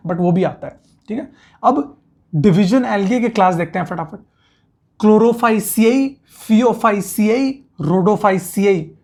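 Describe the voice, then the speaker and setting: A man with a gravelly, slightly creaky voice teaches a biology lesson. He talks briskly and repeats each term so students can memorize it. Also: high-pitched, darkish tone. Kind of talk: classroom lecture.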